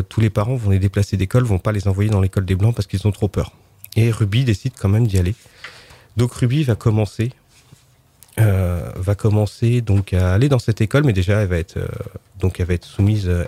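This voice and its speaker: A man's voice: fairly low pitch, dark tone. A man presenting book picks on a casual book show, chatty and hesitant with many fillers.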